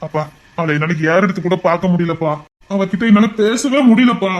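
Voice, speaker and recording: An actor playing a lovesick son in his twenties, who refuses an arranged marriage in a low, subdued, stubborn voice. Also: brisk, lightly acted. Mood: stubborn, pleading. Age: 20s. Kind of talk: amateur audio drama.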